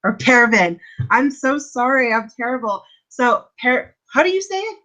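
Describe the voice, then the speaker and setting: A woman's voice: a little high, big pitch swings, moderate pace, bright, forceful tone. A woman in her thirties from Canada, co-hosting a casual book club live stream, chatty and rambling, with self-deprecating asides. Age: 30s.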